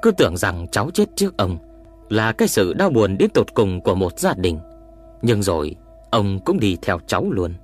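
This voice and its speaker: A man narrating a horror story in a dramatic, expressive reading. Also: on the low side, normal speed, faint music behind.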